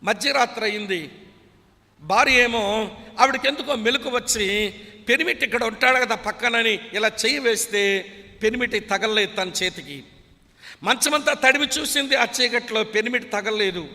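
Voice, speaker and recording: A man's voice: extremely high pitch, normal speed, sharp tone. A man preaching a sermon with a Telugu accent, pleading emotionally and calling his listeners beloved. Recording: long reverb of a large hall.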